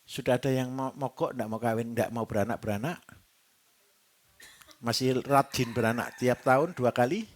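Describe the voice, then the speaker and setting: A man's voice: medium pitch, normal speed. A man with a Javanese accent gives a livestock-farming seminar, quizzing the audience and joking as he goes. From Java. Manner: lively, quizzing the audience with jokes. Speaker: livestock trainer. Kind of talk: seminar talk to a live audience.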